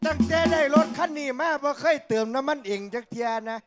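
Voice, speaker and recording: A man's voice: very high voice, quick pace. A man playing a boastful, bossy village headman in a comic skit, speaking with an Isan accent. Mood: bragging. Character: boastful middle-aged male village headman. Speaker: comedy troupe performer. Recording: light music behind.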